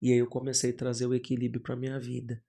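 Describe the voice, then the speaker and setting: A man, a pastor, talks casually as a podcast guest. His pitch sits in a middle range for a man. He tells lively anecdotes and slips into the voices of the people he quotes, on a close studio mic. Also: quick pace, creaky. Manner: animated storyteller who acts out quoted voices.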